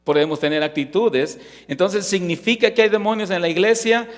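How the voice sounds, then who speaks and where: A man's voice: high-pitched, fairly quick. A male pastor preaching a sermon in a church, emphatic and full of rhetorical questions, often checking in with "ok?". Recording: echoey hall reverb.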